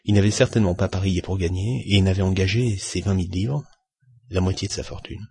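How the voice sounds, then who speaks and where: A man with a husky, gravelly voice reads a classic novel aloud in a steady, measured way. His voice sits on the low side. The recording is close and completely dry. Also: no room sound. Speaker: narrator. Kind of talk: audiobook narration of a classic novel.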